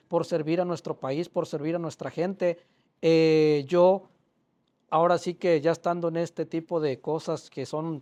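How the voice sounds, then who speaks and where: A man's voice: on the high side, darkish tone. An older man, an author telling personal stories to an audience at a book presentation in a plainspoken, emotional way. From Mexico. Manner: emotional, plainspoken storytelling with quoted dialogue. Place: public library hall.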